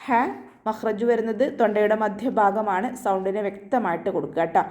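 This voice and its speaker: Woman teaching Quranic recitation. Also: steady tone. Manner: patient step-by-step instruction, softly ending phrases with "ട്ടോ"; chants verses slowly in a drawn-out, higher recitation voice. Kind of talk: online tajweed lesson.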